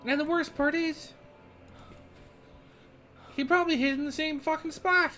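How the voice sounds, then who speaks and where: A man's voice: extremely high pitch, fairly even intonation, a little slow, sharp tone. A middle-aged man giving casual, sardonic, sweary gameplay commentary on a stream. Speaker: game streamer. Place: indoor streaming setup. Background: game music.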